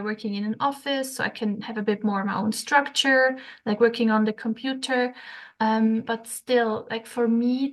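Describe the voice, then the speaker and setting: A young woman, a podcast guest telling her story in a soft, hesitant way with frequent fillers and light laughs. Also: a little high. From Switzerland. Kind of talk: casual interview chat.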